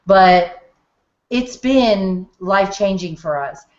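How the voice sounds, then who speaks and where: A middle-aged woman telling her story on a group call from her home office, lively and acting out the dialogue. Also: mid-range voice, takes it slowly. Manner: animated storyteller who acts out quoted dialogue. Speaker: testimonial speaker on a group call. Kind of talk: casual storytelling testimonial. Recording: muffled roomy home call audio.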